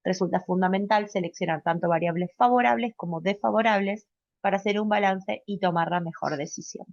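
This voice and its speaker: A woman's voice: medium pitch, fairly quick, creaky, dry recording, highs cut off. A woman giving a recorded medical class lecture, explaining step by step and often checking in with a rising "¿sí?". She uses fillers and corrects herself mid-word. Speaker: pediatric residency lecturer.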